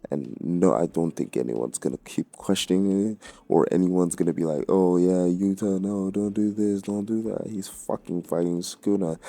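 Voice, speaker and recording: Low and warm with a touch of vocal fry, this man's voice is recorded dry as he rants about anime for his video channel. His take is casual, sweary, full of slang, and plainly exasperated.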